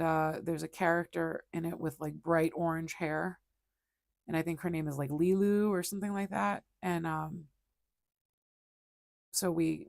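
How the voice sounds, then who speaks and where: A woman's voice: on the low side, gravelly, no echo, clean studio sound. A woman hosting an art livestream, telling stories in casual chat while she draws, rambling with many fillers and restarts.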